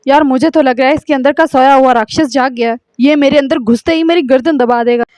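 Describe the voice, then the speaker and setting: A woman's voice: high voice, a little mellow, dry recording, close to an everyday voice. Woman reading as a nervous, coaxing young man. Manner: hesitant, coaxing. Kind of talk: audiobook novel reading.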